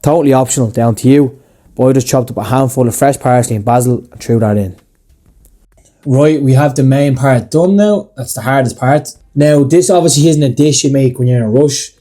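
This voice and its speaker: A young man with an Irish accent and a very dark, mellow tone talks through a home cooking recipe. His delivery is casual and chatty, with blunt, slangy asides, at a middling pitch. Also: a little fast. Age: young adult. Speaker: cooking channel host. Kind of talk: scripted cooking voice-over.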